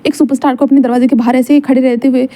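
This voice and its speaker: A woman's voice: sits high, flat delivery, quick pace, dark tone, close to an everyday voice. A woman voicing a young male superstar who begs and pleads over and over in a whiny way. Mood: pleading.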